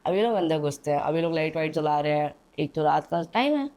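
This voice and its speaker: Talking fast in a low-sitting, animated and slightly mellow voice, a young woman tells a story as a podcast guest in an indoor studio. She's chatty and casual, with hesitant fillers and frequent "theek hai" ("okay?") check-ins.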